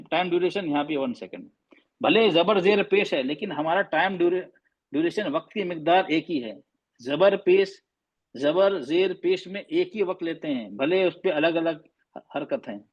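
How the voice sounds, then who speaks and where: A man with a high voice teaches a class. He is patient, asks questions and goes over each point again, with English terms mixed in. The recording sounds a little dull. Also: husky. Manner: mixes Hindi with English terms. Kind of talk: classroom lesson.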